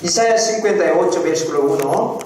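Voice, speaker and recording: High-voiced pastor in a very echoey hall. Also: male voice, lively intonation, a little mellow, recorded from a distance, a little hiss or hum. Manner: slow, repeats phrases, frequent "eh?" prompts to the congregation. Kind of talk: sermon teaching. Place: church hall.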